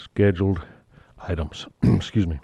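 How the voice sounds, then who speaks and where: Mayor guy talking through a mask, muffled, lowish voice, lots of uh's, dull dry audio. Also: gravelly, dark tone, breathy edge, dry recording. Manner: halting, with fillers and restarts, lightly joking. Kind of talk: chairing a city council meeting.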